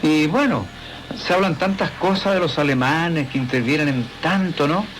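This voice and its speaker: A man's voice: on the high side, moderate pace, fairly bright tone, slight background noise, low-quality recording. A man hosting a radio talk show, interviewing a guest in a rambling, conversational way with many asides. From Chile.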